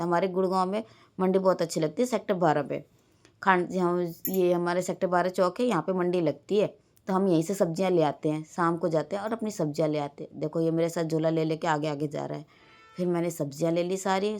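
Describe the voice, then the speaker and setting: A woman's voice: fairly low pitch, darkish tone. A woman, a mother, casually narrating her day over a home vlog and quoting her children along the way. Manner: rambling everyday storytelling, quoting her children. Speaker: vlogger and mother.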